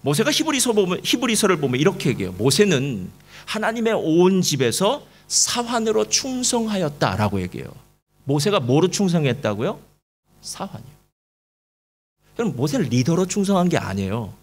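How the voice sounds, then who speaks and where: A man preaching a sermon to a church congregation, telling a story with lively asides and rhetorical questions to the listeners. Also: high-pitched, normal speed. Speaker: pastor. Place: church service.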